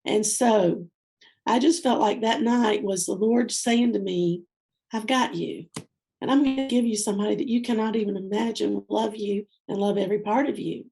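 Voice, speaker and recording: A woman in her fifties, a guest telling a personal love story in an interview, heartfelt and teary-eyed, going quiet and slow at the tender parts. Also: medium pitch, vocal fry. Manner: heartfelt, softens and slows at tender moments. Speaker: guest speaker.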